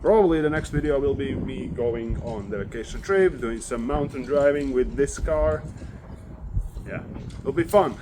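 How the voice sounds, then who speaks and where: Man on an echoey low-quality phone recording. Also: normal speed, background noise. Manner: hesitant, self-deprecating, thinking aloud. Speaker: car vlogger. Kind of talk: casual DIY walkthrough. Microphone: phone, no microphone.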